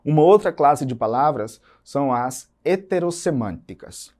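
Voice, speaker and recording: Man, teacher, recorded lesson, warm mellow tone, patient explanations, slow repeated example words. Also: mid-range voice, lively intonation. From Brazil.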